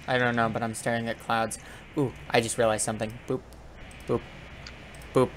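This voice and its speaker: A man's voice: medium pitch, monotone, fast, crowd noise. A man chatting casually while playing a video game, goofy and playful, tossing out silly sound effects. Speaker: gamer co-host. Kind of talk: casual gaming chat.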